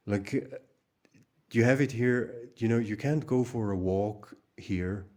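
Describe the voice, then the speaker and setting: Low, mellow man rambling with fillers. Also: slow pace. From Hungary. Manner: rambling, many fillers and restarts. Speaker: channel host. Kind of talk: casual monologue vlog.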